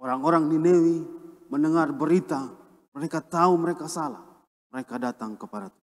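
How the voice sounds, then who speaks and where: A man from Indonesia, a pastor, preaching a sermon with emphatic swings between a raised and a lowered voice. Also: brisk, big-room sound. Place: church.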